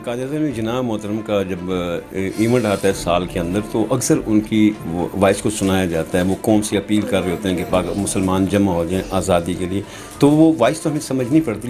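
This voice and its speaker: Earnest, lower-voiced male mimic. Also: over music. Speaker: voice mimic guest. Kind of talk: casual interview answers.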